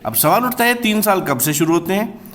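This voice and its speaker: Guy with a high voice teaching law, goes step by step and repeats the key bits slow. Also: lively intonation, fairly bright tone. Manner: explains step by step, repeats key terms slowly. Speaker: commerce teacher. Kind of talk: classroom law lecture.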